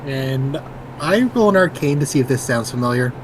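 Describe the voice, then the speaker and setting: A man's voice: medium pitch, lively intonation, moderate pace. A man playing a tabletop game, talking casually as he reasons things out in play. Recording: clear background noise.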